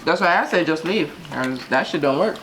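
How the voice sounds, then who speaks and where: Co-hosting a food vlog, a woman with a low, animated voice speaks at a moderate pace, casually sharing her opinions in a relationship chat while cooking. Loud frying and sizzling on a grill sits close to the mic as background noise.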